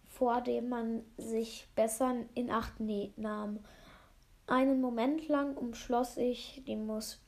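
A woman's voice: on the high side, dark tone. A woman reading a novel aloud in German as an unpolished amateur audiobook, often stumbling and re-reading phrases. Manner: unpolished, frequent slips and re-reads of phrases. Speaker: reader of a novel.

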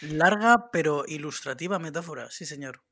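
A man's voice: fairly high pitch, lively intonation, moderate pace, sharp tone, no echo. A man co-hosting a podcast, joking in a dry, mock-formal way. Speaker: podcast co-host. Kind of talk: casual chat.

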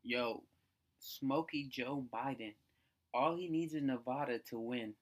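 A woman's voice: extremely low pitch, a little slow. A woman from the United States hosting a casual solo rant, blunt and profane, repeating herself for emphasis.

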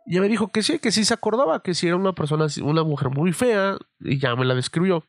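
A young man with a Mexican accent, telling a story casually on his podcast, swearing freely and filling pauses with "eh". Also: high-pitched, animated, dry recording. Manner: profane, loose, full of fillers. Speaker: podcast host.

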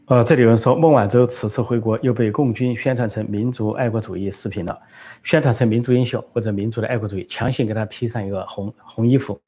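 A man's voice: medium pitch, fairly even intonation, fast talker, mellow, breathy edge. A man giving political commentary and answering live questions, talking conversationally with many fillers.

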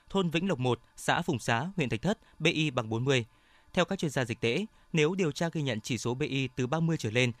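A man's voice: medium pitch, fairly bright tone, no room sound. Man reading formal news, dry sound. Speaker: radio news presenter.

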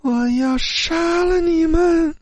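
A man voicing a hostile female ghost in blue robes, speaking in a slow, drawn-out, trembling way. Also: extremely high pitch, no room sound, voice pushed up. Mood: menacing.

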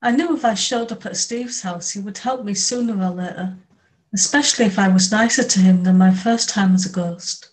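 A woman reading a first-person novel aloud in a steady, measured way. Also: mid-range voice, poor audio. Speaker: audiobook narrator. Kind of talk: scripted first-person audiobook narration.

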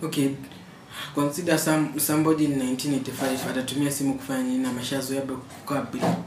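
A man's voice: medium pitch, little pitch movement, very fast, a little mellow. A young Kenyan man in a casual, slangy debate, switching between Swahili and English in a Kenyan accent. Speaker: podcast co-host. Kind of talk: casual chat. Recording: roomy, distant mic, faint noise.

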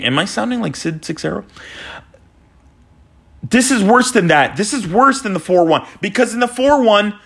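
A man in his forties ranting exasperatedly as a hockey fan after a loss, sometimes shouting. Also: high-pitched, slightly rough. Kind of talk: post-game fan rant.

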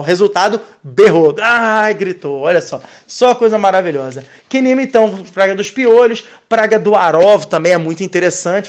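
High-pitched male teacher, lively and expressive, explaining scripture casually. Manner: animated, expressive teaching, sprinkled with Hebrew terms. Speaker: Torah teacher. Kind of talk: casual religious lesson.

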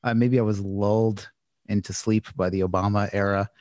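Lower-voiced man telling chatty stories. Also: little pitch movement, moderate pace, darkish tone, no room sound, clean studio sound. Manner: chatty storyteller, many fillers. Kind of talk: casual roundtable chat.

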